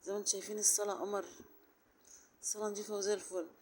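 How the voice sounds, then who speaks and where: A woman with an Egyptian Arabic accent and a sore, hoarse throat, chatting her way through a casual home vlog. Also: mid-range voice, flat delivery, very fast, a little mellow, a little hiss or hum. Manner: chatty, rambling, fond of fillers. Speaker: home vlogger.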